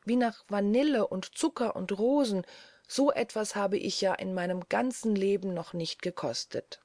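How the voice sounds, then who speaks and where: A woman's voice: a little high, big pitch swings, moderate pace, mellow, no room sound, voice pushed up. A woman voicing a little girl, easily frightened, speaking in wondering exclamations. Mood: delighted.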